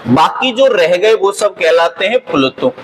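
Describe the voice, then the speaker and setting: A man's voice: sits high, very animated, a little slow, slight background noise, rough recording. A man teaching an exam-prep grammar lesson, explaining patiently and asking and answering his own questions.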